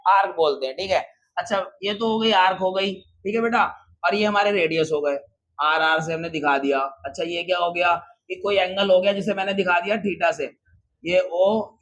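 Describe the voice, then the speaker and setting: Man, teacher, high-pitched voice, lively classroom lesson, quizzes students and answers himself. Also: low-quality recording. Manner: addresses students casually as brother.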